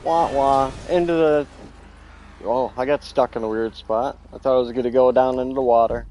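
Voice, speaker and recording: A man's voice: medium pitch, steady tone, normal speed, mellow, a little hiss or hum, low-quality recording. A man playing a driving game with a friend, chatting casually and telling puns. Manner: punning, dry joking. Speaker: co-player. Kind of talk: casual chat while gaming.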